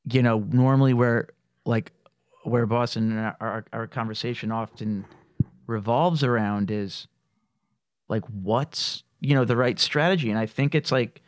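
A man's voice: medium pitch, unhurried, dry recording, studio quality. A man hosting a casual podcast roundtable, talking in a rambling way full of fillers and swearing. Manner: rambling, heavy on fillers and profanity.

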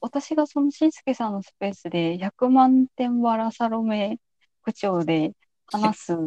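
A woman's voice: fairly high pitch, expressive, measured pace, mellow, no echo, highs cut off. A woman hosting a podcast in a casual, conversational interview style. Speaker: podcast host.

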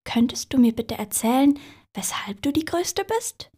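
A woman's voice: fairly high pitch, expressive, a little slow, dark tone, breathy edge, pitched above the performer's own voice, full character voice. A woman voicing a very polite, timid male hare in a storybook reading, in whispered role-play with an overly courteous manner.

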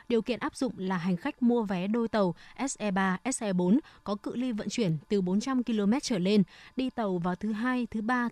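Delivering scripted news on the radio, a woman speaks formally and with measured pacing in a medium, slightly mellow voice. The audio is close and dry, with no room sound at all.

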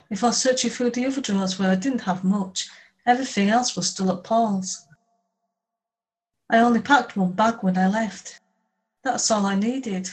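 A woman reading a first-person novel aloud in a steady, measured way. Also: medium pitch, poor audio. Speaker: audiobook narrator. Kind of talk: scripted first-person audiobook narration.

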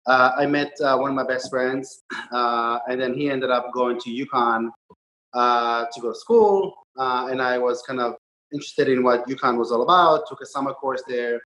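Israeli-born man, hesitant guest, echoey room. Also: mid-range voice. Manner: relaxed, frequent ums and uhs. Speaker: podcast guest, startup investor. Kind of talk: conversational interview.

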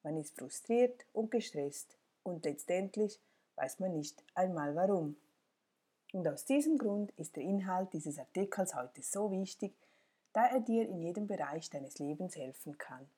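Woman narrator, lowish mellow voice, calm direct self-help reading. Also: unhurried, breathy edge.

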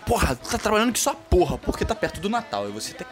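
Fast, profane ranting Brazilian man. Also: high-pitched, very animated, over loud music. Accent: Brazilian Portuguese. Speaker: comedy podcast host. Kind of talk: comedic rant monologue.

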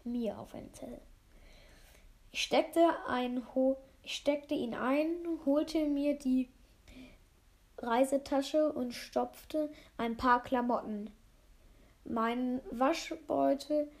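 A woman's voice: high-pitched, steady tone, takes it slowly. A woman reading a novel aloud in German as an unpolished amateur audiobook, often stumbling and re-reading phrases. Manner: unpolished, frequent slips and re-reads of phrases. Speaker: reader of a novel.

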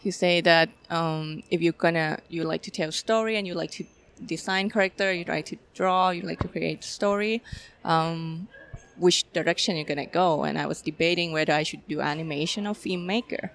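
A young Thai woman who works as a film director answers interview questions in a Thai accent and a fairly low voice. Her replies come out halting and casual, with plenty of fillers.

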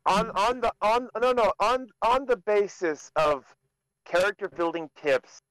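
A man's voice: sits high, a little slow, fairly bright tone, low-quality recording. A man co-hosting a tabletop gaming podcast, talking casually, joking and emphatic. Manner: joking, emphatic, with mock-formal phrasing. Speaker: podcast co-host, dungeon master. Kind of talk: casual chat.

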